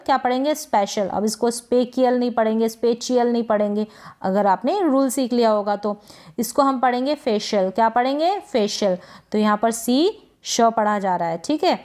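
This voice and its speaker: A woman's voice: sits high, darkish tone. A woman teacher with a Hindi accent gives a patient spelling and pronunciation lesson, asking questions and answering them herself. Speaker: English teacher. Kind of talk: explanatory lesson with rhetorical questions.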